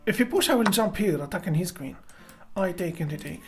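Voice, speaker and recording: A woman with a fairly low voice streams a chess game live, greeting her chat by name as she plays. She talks through her moves in a hesitant, halting way, starting sentences over as she thinks. Soft music plays faintly under her voice. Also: animated. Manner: thinks aloud hesitantly with many fillers and restarts.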